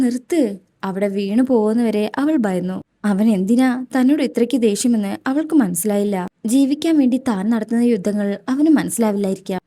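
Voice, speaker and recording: A woman's voice: on the high side, dark tone. A woman narrating a romance story, reading every character's lines in her own voice.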